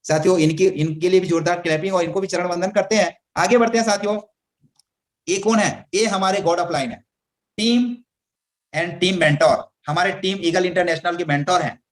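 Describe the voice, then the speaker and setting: High-voiced energetic salesman. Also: moderate pace. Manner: energetic, persuasive, addresses listeners as friends. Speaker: network marketing team leader. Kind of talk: motivational sales presentation.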